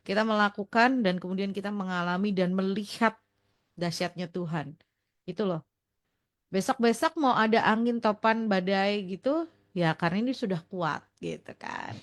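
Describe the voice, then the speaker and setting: A woman's voice: mid-range voice, moderate pace, dry recording, clean studio sound. Affirming woman radio host. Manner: affirming, sums up the lesson. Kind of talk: radio talk show. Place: radio studio.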